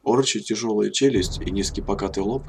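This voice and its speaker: A man reading a fantasy novel aloud as narrator, in a steady, measured way. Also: fairly low pitch, gravelly, background noise. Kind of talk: audiobook narration. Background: faint music.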